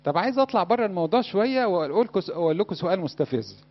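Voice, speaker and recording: Fast-talking Egyptian preacher, lo-fi sound. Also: male voice, high-pitched, animated. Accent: Egyptian Arabic. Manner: conversational, asks the audience questions. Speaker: Coptic preacher. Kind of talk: sermon. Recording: dull lo-fi recording.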